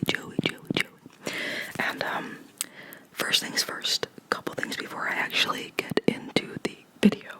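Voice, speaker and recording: An ASMR host whispering and speaking softly into a close microphone covered with a sock, rambling and giggly, often stumbling over words. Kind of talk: ASMR whispering and soft-spoken talk.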